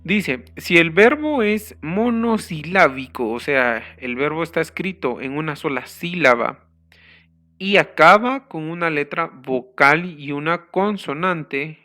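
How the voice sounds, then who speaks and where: An English teacher gives a grammar lesson, going through the rules step by step in a slow, careful way. His voice is bright and somewhat high for a man, with soft guitar music in the background.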